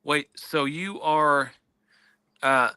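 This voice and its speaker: A man's voice: fairly high pitch, very slow, sharp tone, clean tone. A man hosting a casual industry panel discussion, hiccuping now and then.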